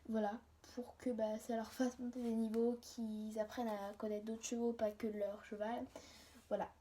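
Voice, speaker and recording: A woman's voice: fairly high pitch, little pitch movement, normal speed, warm tone. A young woman chatting casually and hesitantly in a homemade vlog, often interrupting herself, with colloquial, mildly sweary wording, recorded on a phone. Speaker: hobby video creator. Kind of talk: casual vlog, rambling chat while showing a toy collection. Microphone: phone on a tripod or handheld. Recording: phone recording with clear background noise.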